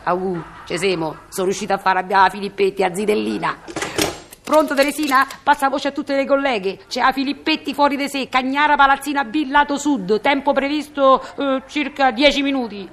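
An actress with a Roman accent playing a nosy, meddling building concierge in a comic phone monologue, chatty and slyly mock-innocent. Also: female voice, high-pitched, steady tone, a little fast, fairly bright tone, slight background noise. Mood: scheming. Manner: chatty, sly, mock-innocent stirring of trouble. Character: nosy gossiping Roman concierge woman, middle-aged, meddling.

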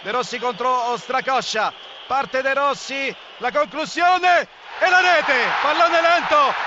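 A man doing live football play-by-play, urgent and excited, repeating names and shouting goals. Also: extremely high pitch. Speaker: football commentator. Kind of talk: live play-by-play goal commentary. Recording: dull, noisy live radio-style broadcast.

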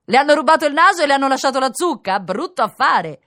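A woman voicing jeering bystanders in a fairy tale, mocking loudly. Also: high-pitched, animated, fast talker, pitched above the performer's own voice. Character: jeering laughing townsfolk.

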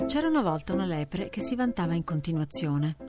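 Expressive woman reading a fable. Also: lowish voice, a little fast, over loud music. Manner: expressive, lively storytelling. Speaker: storyteller. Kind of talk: fairy tale reading for children.

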